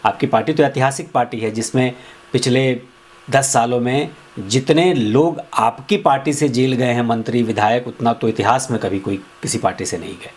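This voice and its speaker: A man delivering a political opinion monologue, accusatory and emphatic, jumping up in pitch on key words. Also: husky. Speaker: political commentator.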